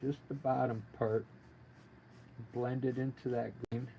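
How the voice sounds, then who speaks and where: Gentle painting teacher guy, kinda gravelly voice, chatting through a livestream tutorial, bit of noise behind him. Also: medium pitch, flat delivery, unhurried, low-quality recording. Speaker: painting instructor, livestream artist. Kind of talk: casual live painting tutorial. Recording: noticeable background noise, live stream.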